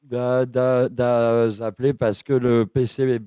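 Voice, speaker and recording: A man's voice: medium pitch, level tone, dark tone, clear, resonant tone, dry recording, studio quality, pitched below the performer's own voice, natural voice. A man doing a mumbling, stammering sick patient. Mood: muddled. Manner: stammering, halting, trailing off. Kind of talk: prank phone call.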